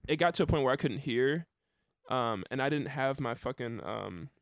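Young male musician, loose casual rambler, medium pitch, dry sound. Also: expressive, moderate pace, creaky, no echo. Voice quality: countertenor singer. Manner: rambling, laughs often, many likes and restarts. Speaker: musician and podcast host. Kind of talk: casual chat.

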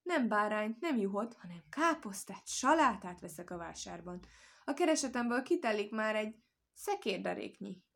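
A woman voicing a clever, quick-witted little male hare in a storybook tale, talking in a lively, playful way. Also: mid-range voice, gravelly. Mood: playful sly.

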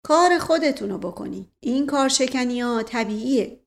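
A woman's voice: high voice, lively intonation, vocal fry. A woman voicing a self-important older aristocratic uncle in an audiobook, speaking with a loaded, meaningful tone. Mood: pompous.

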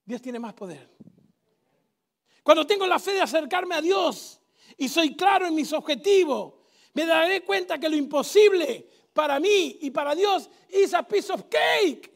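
A man preaching a sermon in a church with a Rioplatense accent, emphatic, swinging between shouts and hushed intensity. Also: extremely high pitch, expressive, unhurried, vocal fry. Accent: Rioplatense Spanish.

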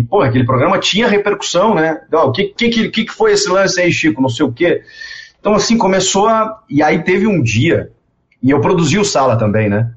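A man, telling stories in a casual interview, animated and repeating words as he goes. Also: a little high. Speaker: guest. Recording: dull lo-fi sound.

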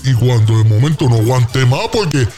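A man, co-hosting a morning radio show and telling a comic story with slang and dramatic pauses. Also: medium pitch, lively intonation, warm tone, faint music behind.

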